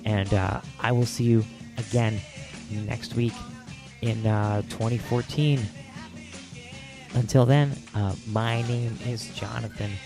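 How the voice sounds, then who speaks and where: With music in the background, a lone male podcast host speaks slowly in a steady, creaky, mid-range voice. The talk is casual and packed with fillers and repetition, and his voice is scratchy as it fails.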